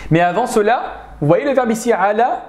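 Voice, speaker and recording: A man with a high-pitched voice teaches an online Arabic grammar class fairly quickly, with a roomy sound and slight background noise. Patient but animated, he often checks in with "d'accord?" to confirm his students are following.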